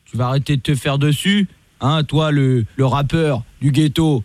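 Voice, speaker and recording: A man, a radio host, playing a gruff, insulting police commissioner in a prank phone call, barking short orders. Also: on the high side, fairly even intonation, moderate pace, a little mellow, no echo, natural voice. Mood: scornful. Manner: bossy, rude, scolding, barking short commands.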